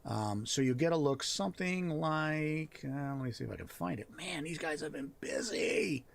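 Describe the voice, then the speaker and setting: A man's voice: fairly high pitch, expressive, creaky. A man hosting a live help stream, chatting casually and thinking aloud as he looks over work on his screen. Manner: thinks aloud, pausing and restarting as he reads. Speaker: host of a writing and worldbuilding help stream.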